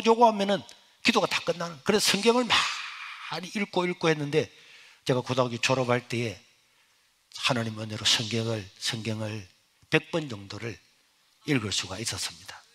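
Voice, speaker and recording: A middle-aged male pastor, giving an emotional sermon testimony that swings from hushed to loud. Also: a little high, lively intonation, fairly quick.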